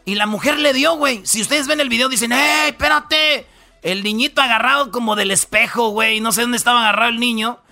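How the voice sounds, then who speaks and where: A man's voice: very high-pitched, steady tone, quick pace, hardly any pauses, bright, forceful tone. A man with a Mexican Spanish accent hosting a radio comedy show, rambling through the news in slangy, jokey storytelling. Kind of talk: comic news rundown.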